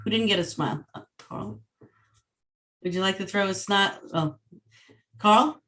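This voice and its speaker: A woman from Long Island hosts a group video call, explaining a game step by step in a playful, easygoing way. Her pitch sits in the middle of the usual range for a woman. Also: a little slow, fairly bright tone. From Long Island, New York. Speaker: host of an online meetup. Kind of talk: casual group facilitation.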